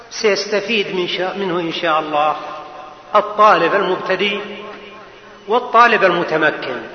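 A man teaching grammar to students as a sheikh, often asking them rhetorical questions to check they follow. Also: high voice. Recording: echoey hall, dull lo-fi sound.

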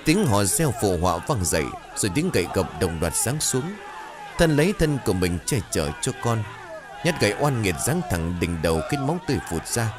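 A man narrating a scripted horror story in a dramatic, expressive way. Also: fairly low pitch, brisk, background noise.

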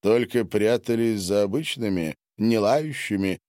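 A male narrator voicing a self-assured male doctor who questions patients briskly in an audiobook. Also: on the low side, a little mellow, no echo, clean studio sound, natural voice. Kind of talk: audiobook character voice.

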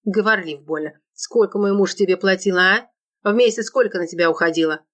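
A woman's voice: medium pitch, a little fast, a bit bright, close to an everyday voice. A woman voicing a harsh, scornful middle-aged widow in an audiobook, curt and contemptuous. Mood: spiteful. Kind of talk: audiobook narration.

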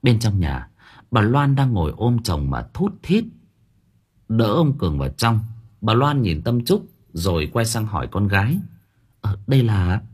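A man narrates a story with a husky, slightly rough voice. His pitch swings widely as he tells it, and his delivery is expressive and lively. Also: measured pace. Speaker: audiobook narrator.

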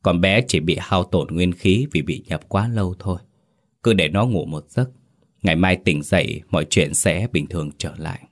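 A man voicing a calm older exorcist. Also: deep voice. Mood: reassuring. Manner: measured, instructive.

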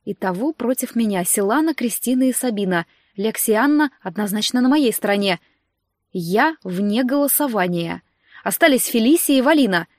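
A woman narrating a fantasy audiobook in the first person, in a steady, expressive storytelling manner, on a close microphone. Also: on the high side, normal speed, no echo.

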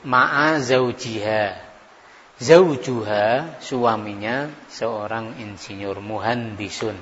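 Give me a man teaching an Arabic textbook lesson, reading very slowly and repeating each phrase as he translates it. His voice sits at an ordinary middle pitch. It echoes through a long hall, heard on a dull recording with a faint hiss. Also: fairly bright tone. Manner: slow, repeats words to translate. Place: study hall.

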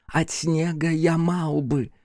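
A sneering, defiant demon woman from an audiobook, pitched up above the reader's own voice and drawn out slowly, with a dry, close sound, as a male narrator puts her on. she answers her captors with cold contempt. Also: level tone, dark tone, no room sound. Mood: scornful. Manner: scornful, then cackling madly. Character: mocking treacherous demon woman servant. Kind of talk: audiobook character voicing.

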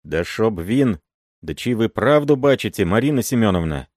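A man's voice: fairly low pitch, lively intonation, normal speed, darkish tone, no room sound, clean studio sound, pitched above the performer's own voice. A man voicing an old working man, swearing wailing oaths of innocence in an audiobook reading. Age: older. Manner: wailing oaths, then gruff threats.

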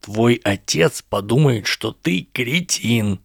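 A man's voice: mid-range voice, animated, normal speed, gravelly, a little mellow, no room sound, clean studio sound, voice pushed up. A man voicing a clever, calculating boy wizard who talks in an urgent, persuasive way in a read-aloud story. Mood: urgent whisper.

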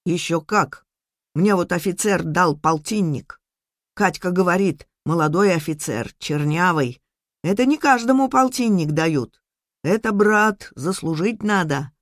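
A woman reading a story, voicing a dying old male soldier who boasts and barks commands in a lowered, gravelly voice. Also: expressive, a little slow, no room sound, clean studio sound. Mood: boastful. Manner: loud barked commands.

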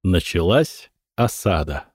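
A man narrating a historical audiobook in a measured, expressive reading. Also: deep voice, faint music behind. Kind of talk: scripted narration.

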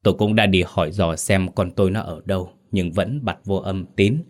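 A man's voice: sits low, steady tone, normal speed, lightly acted. A man voicing a grieving middle-aged mother who pleads and wails for her lost son. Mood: worried pleading. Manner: pleading, sobbing and wailing.

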